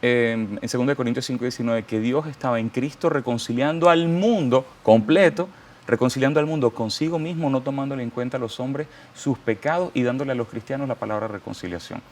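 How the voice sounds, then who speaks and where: Speaking a little fast in a medium-pitched voice, this Venezuelan-accented man appears as a guest in a testimony interview. His delivery is fervent and preacherly, and he quotes scripture.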